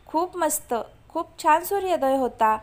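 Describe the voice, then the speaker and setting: A woman voicing a shy, eager young bride who speaks gently and politely. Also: high voice, animated, measured pace. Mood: gentle.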